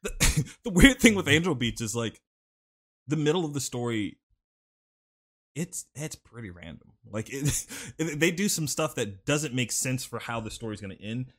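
A man's voice: medium pitch, animated, moderate pace, fairly bright tone. Rambling young man telling a story. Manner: rambling storyteller, lots of "like" fillers. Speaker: podcast host. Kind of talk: casual chat. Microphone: studio mic, off-axis.

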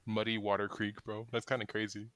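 A man's voice: on the low side, monotone, brisk, crowd noise. A man from Maryland, a podcast co-host in casual group chat, teasing and laughing often.

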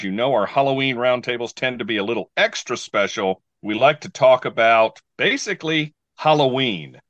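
Hosting a radio show, a man announces with emphatic, folksy showmanship in a medium-pitched, fairly bright voice. The audio is dull but echo-free, with faint music playing behind him.

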